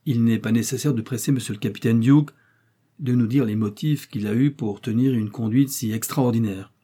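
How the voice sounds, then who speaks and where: A man's voice: medium pitch, moderate pace, mellow, breathy edge, close to an everyday voice. A man voicing a courtroom defense lawyer, oratorical and persuasive. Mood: pleading.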